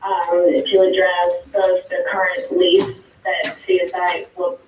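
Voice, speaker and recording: A man's voice: high voice, sing-song, slow pace, a little hiss or hum. A man on a speakerphone giving a businesslike legal report to a board meeting. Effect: heard over a speakerphone. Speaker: legal counsel. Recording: distant, muffled, very echoey speakerphone.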